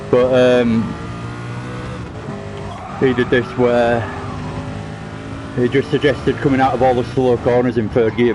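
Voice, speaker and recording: Live-streaming his sim racing laps, a man comments casually and chattily, poking fun at himself while explaining his driving technique. He sounds a little out of breath, his voice medium-pitched, with background noise.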